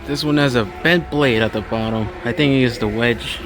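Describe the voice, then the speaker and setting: With store music drifting from overhead speakers, a man vlogs his casual stroll through a large home improvement store, rambling and observing as he thinks aloud. His voice is mid-range and moderately paced.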